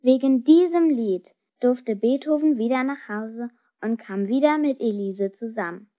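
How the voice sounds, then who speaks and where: A woman telling a story in a lively, expressive storybook reading. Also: on the high side, measured pace. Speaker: narrator. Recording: dull lo-fi recording.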